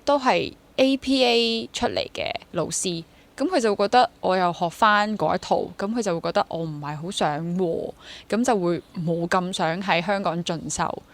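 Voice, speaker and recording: A Hong Kong woman in her twenties chats as an interview guest, describing her personal experience as a freelance stage actor. She has a mid-range voice and sprinkles English words through her Cantonese.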